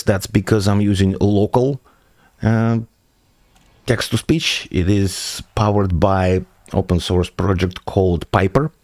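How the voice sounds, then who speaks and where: A man streaming as a software developer, walking through his project step by step, answering viewer questions with frequent hesitations. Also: low voice, dry recording. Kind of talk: live stream tech walkthrough.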